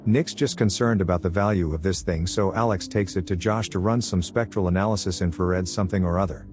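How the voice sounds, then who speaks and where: In a fairly deep voice and at a fairly quick clip, a man narrates a film recap, throwing in flippant asides along the way. His delivery sounds scripted and sardonic, over soft background music.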